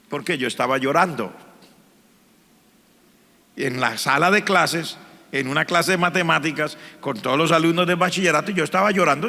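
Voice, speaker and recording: A man, a pastor, telling his testimony in a sermon, speaking with strong emotion and sudden loud swells. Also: medium pitch, gravelly. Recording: long hall reverb.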